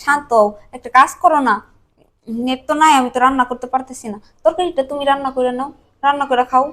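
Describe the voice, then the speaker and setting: A woman's voice: sits high, fairly even intonation, fast, a bit bright. An actress playing a young wife who can't cook without the internet and pleads with her husband. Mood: pleading. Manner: pleading, whiny. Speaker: actor in a village comedy skit. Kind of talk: skit acting.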